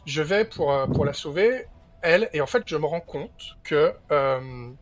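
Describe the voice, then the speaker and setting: A man playing a tabletop role-playing game over voice chat, haltingly narrating what his character does, with many fillers and restarts. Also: on the high side, lively intonation. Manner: hesitant, full of fillers and restarts. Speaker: player. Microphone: push-to-talk voice chat.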